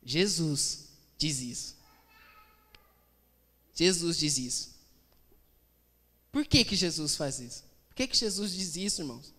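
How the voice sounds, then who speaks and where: A man delivers a lively sermon in a high, bright voice, chatting and acting out scenes with humor. His preaching rings through a reverberant church. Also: slow pace, long pauses. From Brazil. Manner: conversational, animated, acts out quotes with humor.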